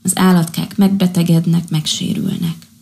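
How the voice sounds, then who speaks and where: A woman voicing a kind, tired little female sea doctor who gently scolds her patients in a storybook. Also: fairly low pitch, steady tone, creaky. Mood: gentle, caring.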